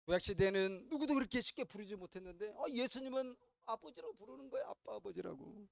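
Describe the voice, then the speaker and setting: A man preaching a sermon as pastor, telling a story with sharp swings between loud and quiet and asking the congregation questions. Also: very high voice, big pitch swings, fast talker, vocal fry, no echo.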